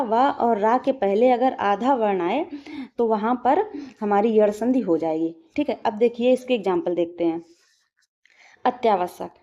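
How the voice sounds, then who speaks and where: A woman's voice: fairly high pitch, mellow. Patient woman teaching grammar, lo-fi. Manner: patient, repeats "ठीक है" often, drills examples slowly. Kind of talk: exam-prep grammar lesson.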